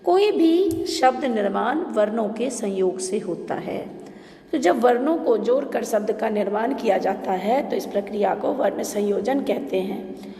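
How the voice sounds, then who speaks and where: Slow, deliberate woman teacher in echoey room. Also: fairly high pitch, animated, mellow. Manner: slow, deliberate word-by-word pronunciation drill. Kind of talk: recorded class lesson. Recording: roomy with long reverb.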